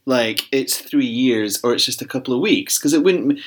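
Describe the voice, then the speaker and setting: A man's voice: mid-range voice, normal speed. A man co-hosting a podcast, chatting casually and laying out his fan theories. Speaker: podcast co-host. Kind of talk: casual chat.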